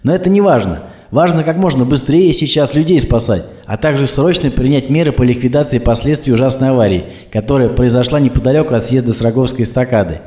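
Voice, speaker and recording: A man's voice: medium pitch, quick pace, hardly any pauses, dark tone, voice pushed up, close to an everyday voice. A stiff, bureaucratic middle-aged official, played by a male reader, speaking in formal phrases. A light room echo surrounds the voice. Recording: roomy echo.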